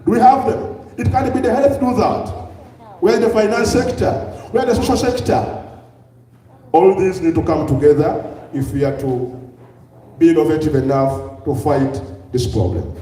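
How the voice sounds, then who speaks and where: A man's voice: fairly high pitch, moderate pace, pauses often, dark tone. Ugandan man lecturing in an echoey hall. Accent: Ugandan English. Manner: asks the audience many rhetorical questions. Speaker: public health speaker. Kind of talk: lecture to a live audience. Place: large hall with an audience. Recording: echoey hall, distant mic.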